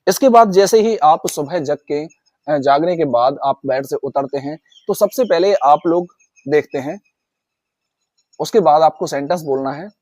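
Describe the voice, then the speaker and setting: A man's voice: on the high side, animated, darkish tone, no echo. Man teaching in a dry room. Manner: repeats phrases slowly for practice, addresses viewers as guys. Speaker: English teacher. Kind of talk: spoken lesson.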